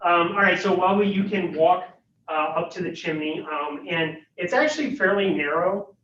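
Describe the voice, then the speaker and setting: In a room at a livestreamed faculty game, a man serves as tabletop game master, his narration hesitant and packed with fillers. His high-pitched, fairly bright voice moves at a moderate pace, and the distant, roomy, dull audio carries a slight hiss or hum.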